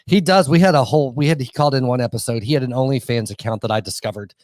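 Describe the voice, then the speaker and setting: A man's voice: medium pitch, rapid-fire, a little mellow, no echo. A male podcast host talking loosely and profanely, circling back through half-finished thoughts. His voice sits in the middle range, recorded close and dry with no room sound. He laughs along as he goes. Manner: rambling, profane, full of restarts and laughs. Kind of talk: casual podcast chat.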